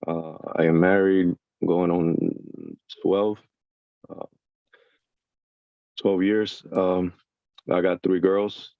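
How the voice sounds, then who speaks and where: A man in his thirties from Puerto Rico introduces himself on a video call in a relaxed way, pausing often with fillers. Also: low voice, gravelly, no echo. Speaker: new student. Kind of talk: casual self-introduction. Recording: dull lo-fi call audio.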